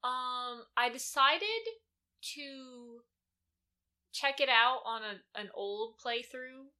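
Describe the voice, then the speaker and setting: A woman's voice: on the high side, steady tone, drawn-out words, pushed and bright, clean tone. A woman co-hosting a casual podcast, laid-back, often giving short answers with fillers. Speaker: podcast co-host.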